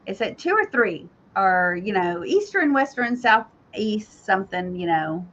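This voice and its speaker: A woman's voice: mid-range voice, sing-song, measured pace, a bit bright. A woman co-hosting a casual livestream chat, teasing and laughing easily. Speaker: co-host. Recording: dull lo-fi stream audio.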